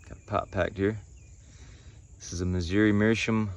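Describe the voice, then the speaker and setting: A man in his thirties giving a casual review to camera, speaking in short phrases with unhurried pauses. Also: fairly low pitch, steady tone, smooth. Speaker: pipe tobacco reviewer. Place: outdoors in a pine wood.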